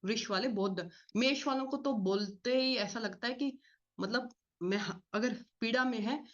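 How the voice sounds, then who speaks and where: A woman teaching an astrology class in a fast, explanatory lecture style, often asking and answering her own questions. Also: fairly high pitch. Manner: fast-talking, explains with repeated rhetorical questions. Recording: slightly dull lo-fi audio.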